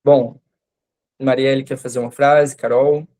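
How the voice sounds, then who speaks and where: A male language teacher whose first language is Portuguese, running a live online French class. He speaks at an ordinary pitch and explains grammar patiently, stopping often to check that his students understand. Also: level tone, unhurried, darkish tone.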